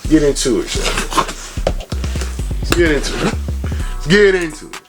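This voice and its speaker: A man hosts a casual sneaker review vlog with shout-outs, speaking in slangy, conversational language packed with tag phrases. His voice is a little high, with lively intonation and a measured pace, over background music.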